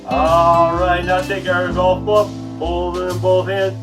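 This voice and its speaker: Male kids' fitness host, thirties, overbright party-host manner, unhurried pace, recorded at a distance with guitar music behind. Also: high voice, completely flat delivery. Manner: overbright, upbeat kids-party-host delivery. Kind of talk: children's exercise lesson. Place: living room at home, indoors. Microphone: camera several steps away.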